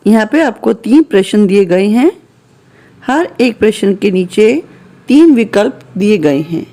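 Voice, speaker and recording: A woman's voice: medium pitch, animated, a little slow, dark tone. A woman teacher patiently taking young pupils through workbook answers, reading out each word one at a time. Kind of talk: slow classroom exercise walkthrough.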